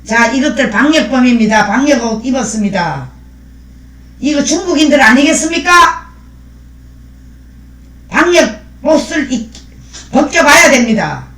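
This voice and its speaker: A woman's voice: high-pitched, lively intonation, measured pace, long pauses, fairly bright tone. Fiery woman streamer in an echoey room. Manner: fiery and preachy, thanking viewers by name. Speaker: livestream host. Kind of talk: live-stream commentary reading viewer comments.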